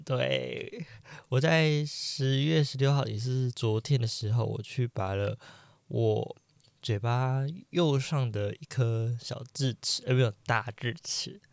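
A man's voice: mid-range voice, vocal fry, a little mellow. A young man hosts his own podcast alone, rambling through a personal story in a chatty, self-mocking way. His voice sits mid-range for a man. It is recorded close to the mic in a dry space with no room echo. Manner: chatty, self-deprecating, acts out quoted dialogue. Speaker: podcast host.

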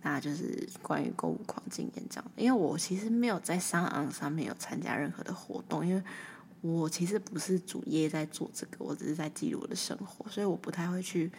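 Young taiwanese woman chatting on her podcast, lowish voice, rambly, keeps trailing off into a whisper. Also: very animated, brisk, darkish tone, slight background noise. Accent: Taiwanese Mandarin. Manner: rambling, often trailing off into a breathy near-whisper. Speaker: podcast host. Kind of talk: casual solo monologue.

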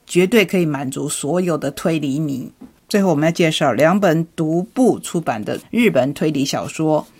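A woman with a notably low-pitched voice gives book recommendations in a calm, storytelling way. She recounts each novel's premise as if reading a short tale aloud. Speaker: book presenter.

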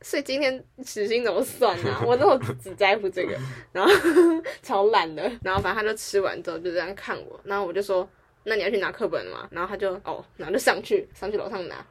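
A woman's voice: mid-range voice, quick pace, few pauses. A young woman, co-hosting a casual podcast and telling a story with lots of laughter. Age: young adult. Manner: animated, laughs often while telling a story. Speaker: podcast co-host.

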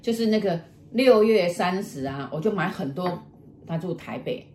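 A woman's voice: fairly low pitch, moderate pace. Middle-aged woman, casual storyteller, acts out the voices, echoey room. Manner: animated, acts out quoted voices, laughs often. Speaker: storyteller host. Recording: echoey room with faint noise.

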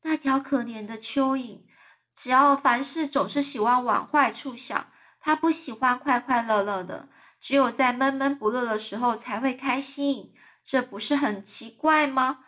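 A woman voicing a gentle, chatty lady ladybug in a storybook reading, speaking softly and confidingly. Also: high voice, lively intonation, moderate pace, pitched above the performer's own voice. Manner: soft, confiding.

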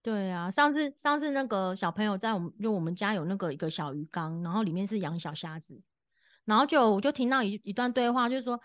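A woman's voice: mid-range voice, expressive, fast talker, no echo, clean studio sound. A woman, co-hosting a podcast and telling easygoing stories in casual chat. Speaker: podcast co-host.

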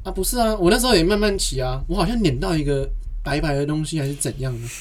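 A man's voice: on the high side, fast talker. A young man, chatting casually and telling rambling anecdotes that run on with "and then". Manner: long rambling anecdotes told in a chain of "and then". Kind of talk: casual podcast chat.

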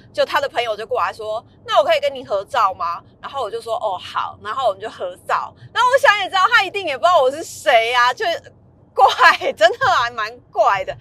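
A woman's voice: sits high, bright, forceful tone. A woman, casually telling a story in a vlog, laughing often and acting out the lines she quotes.

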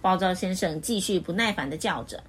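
A woman reading a children's picture book aloud as storyteller, with expressive, lively delivery. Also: lowish voice, a little fast, husky.

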